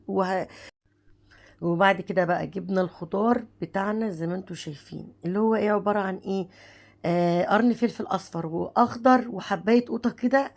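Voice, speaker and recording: A woman in her thirties with an Egyptian Arabic accent, hoarse from a cold, chatting warmly to viewers as she walks through a home recipe. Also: medium pitch. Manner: chatty, affectionate, addresses viewers as sister. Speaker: home cooking vlogger. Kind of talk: casual cooking narration.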